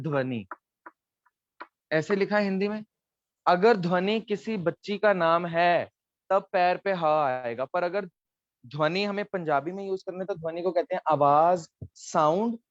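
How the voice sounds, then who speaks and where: Patient man teaching script, slightly high voice. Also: no echo, dull audio. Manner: patient, explains step by step, checks with "theek hai". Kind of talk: online Gurmukhi lesson at a board.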